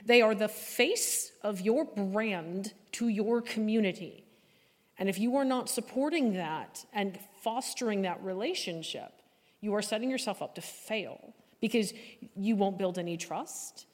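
At a live panel event in a large indoor hall, a woman speaking as a guest gives advice in an emphatic, articulate way. Her pitch is medium and her pace unhurried, and the live hall sounds echoey.

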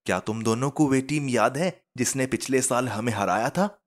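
Man doing a schoolboy voice, high, excitable, emotional, storybook. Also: normal speed, natural voice. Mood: wistful. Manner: eager, emotional, exclaiming. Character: tearful excitable schoolboy Ben.

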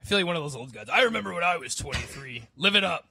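Co-host: high, very bright young man, joking and self-mocking, dry close mic. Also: expressive, racing, vocal fry, husky, no echo. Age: 20s. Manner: playful, self-mocking, laughs often. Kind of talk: casual podcast chat.

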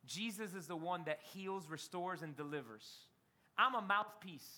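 A man's voice: high-pitched, lively intonation, moderate pace, pushed and bright. A middle-aged man, a pastor, preaching a sermon with dramatic storytelling and rising emphasis.

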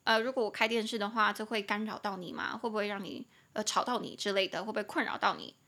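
A young woman with a Taiwanese Mandarin accent hosting a casual podcast English lesson, chatty and animated, spelling words out and breaking into exasperated rants. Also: medium pitch, fast talker. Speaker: podcast host and English teacher.

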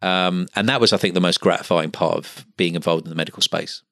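A middle-aged man from Essex who runs a medical finance business chats as an interview guest in a casual, stop-start way, with an Essex accent. His deep, gravelly voice is steady, fast and a bit bright, recorded dry at studio quality.

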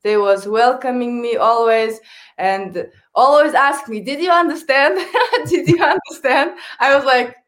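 This hockey coach, a young Kazakh woman whose native language is Kazakh, hesitantly fields interview questions in English, often searching for the right words. Her high, fairly bright voice keeps a measured pace, and her Kazakh accent comes through.

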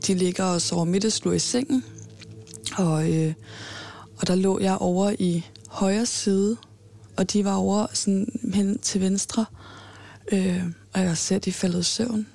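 A woman in her twenties giving a halting personal account in an interview, with many fillers and restarts. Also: medium pitch, steady tone, creaky, mellow. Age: 20s.

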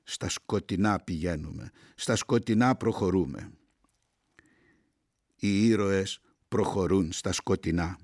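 A man with a low voice reads poetry aloud, slow and grave, letting each short phrase settle before the next. The sound is dry and close, with no room around it. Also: darkish tone, no room sound. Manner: slow, grave, deliberate phrasing with long pauses. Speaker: poetry reader. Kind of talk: measured poetry reading.

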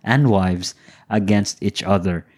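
A man's voice: deep voice, slow pace, darkish tone. A man with a Filipino accent co-hosting a casual podcast about folklore in a playful, musing way. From Philippines. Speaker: podcast co-host.

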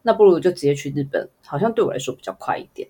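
A woman with a deep, expressive, mellow and slightly rough voice talks at a racing pace. She has a Taiwanese Mandarin accent and is an advertising photographer appearing as an interview guest, answering casually in a rambling, informal way full of trailing lists.

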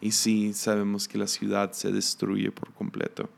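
A man with a Mexican accent gives a relaxed, conversational sermon. His voice sits a little low and has a gravelly edge. He talks reflectively, with casual fillers. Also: measured pace. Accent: Mexican Spanish. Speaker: preacher.

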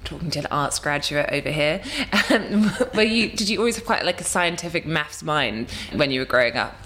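A woman's voice: low-pitched, lively intonation, fairly quick, a bit bright. A woman hosting a podcast, who reads a scripted introduction of her guest and then asks questions conversationally. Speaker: podcast host.

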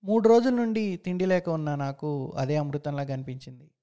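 A man reading a short story aloud in the first person, with a steady, reflective storytelling manner. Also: a little high, moderate pace, clean tone. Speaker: story narrator.

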